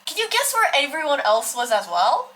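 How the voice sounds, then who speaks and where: A woman's voice: high voice, wildly swooping pitch, moderate pace, fairly bright tone, slight background noise. A young woman vlogger telling a dramatic, slangy storytime about her day, casual and exaggerated. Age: young adult.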